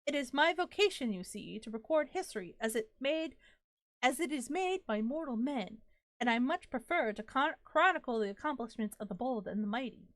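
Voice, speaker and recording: A woman's voice: high-pitched, expressive, normal speed, dry recording. A woman reading aloud the lines of a mysterious disembodied voice from a game, in ornate, old-fashioned, theatrical phrasing. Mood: courtly. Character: grandiose mysterious disembodied voice, courtly.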